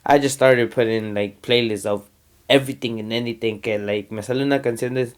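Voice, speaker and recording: A man talks in an easy, relaxed way with a smooth, clear voice. He speaks in loose slang and often switches mid-sentence into Spanish. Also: medium pitch, a little fast. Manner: laid-back slang, often says "you feel me", slips into Spanish. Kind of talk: casual chat.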